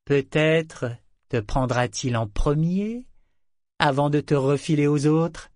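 A man's voice: on the high side, slow pace, no echo, clean studio sound, pitched above the performer's own voice. A man voicing a drugged, cruel, arrogant male governor who barks orders and mocks. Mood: mocking. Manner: barking orders, mocking, bursts into shouts.

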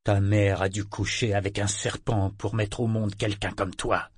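Guy doing a bitter domineering dad, contemptuous and yelling, husky. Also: medium pitch, moderate pace, no room sound, clean studio sound, natural voice. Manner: contemptuous, scornful, shouting in rage. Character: bitter domineering father, furious sea captain.

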